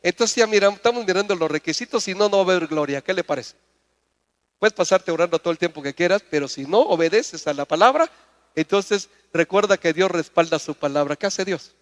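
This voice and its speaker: A male pastor preaching a sermon and asking the congregation questions, his voice climbing louder and higher as he presses a point. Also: a little fast, big-room sound. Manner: preaching with call-and-response questions, climbing loud and high.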